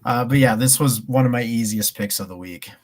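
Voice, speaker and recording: A man's voice: medium pitch, brisk. A man co-hosting a casual sports betting chat, rambling with frequent ums and restarts. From American Midwest. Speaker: podcast co-host.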